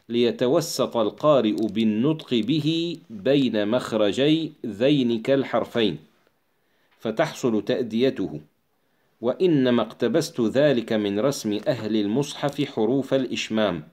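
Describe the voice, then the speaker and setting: A man reading a classical text aloud and explaining it as a teacher, measured and unhurried, with pauses and filler sounds. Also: mid-range voice, a little mellow.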